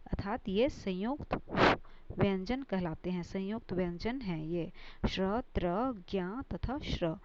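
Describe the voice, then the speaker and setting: Woman teacher, slow deliberate lesson delivery, repeats every point, dull lo-fi recording with steady hiss. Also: medium pitch. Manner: repeats each point and glosses terms with English words. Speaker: Hindi teacher. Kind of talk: slow classroom grammar lesson.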